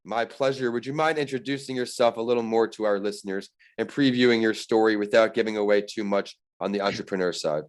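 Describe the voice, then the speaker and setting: A man hosting a business interview show, reading a scripted introduction in a measured, announcer-like way, then asking questions. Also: lowish voice. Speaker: podcast host.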